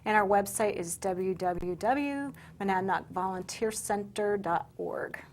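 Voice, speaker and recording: A woman, answering interview questions about volunteering with many pauses and restarts. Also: medium pitch. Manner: hesitant, many ums and restarts. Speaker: volunteer center guest.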